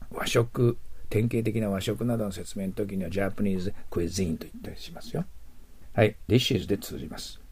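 A man teaching English vocabulary in a recorded lesson, explaining patiently and repeating example words slowly. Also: lowish voice, gravelly, a little mellow, breathy edge. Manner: adds ね as a tag.

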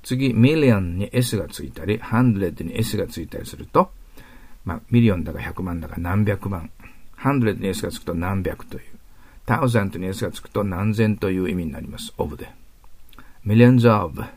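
Husky-voiced man teaching English grammar. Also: low-pitched, lively intonation, a little mellow. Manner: patient, explanatory, reads English examples slowly. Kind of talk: classroom grammar lecture.

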